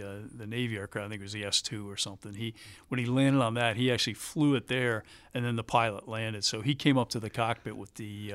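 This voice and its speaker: A man's voice: fairly low pitch, fairly bright tone, dry recording. A middle-aged man, a former presidential pilot, telling stories in a conversational interview. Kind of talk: anecdotal interview storytelling.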